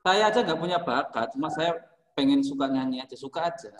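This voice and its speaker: A man's voice: mid-range voice, quick pace. A man teaching a school music class, explaining singing technique in an encouraging, joking way. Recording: echoey classroom.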